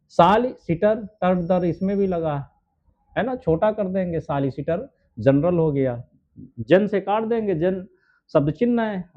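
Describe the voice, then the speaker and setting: Man, shorthand teacher, high voice, step-by-step explaining, self-questioning, frequent check-ins, dull lo-fi sound. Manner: explains step by step, asks and answers his own questions; keeps adding "है ना" and "ठीक है" as checks. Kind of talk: steno dictation lesson.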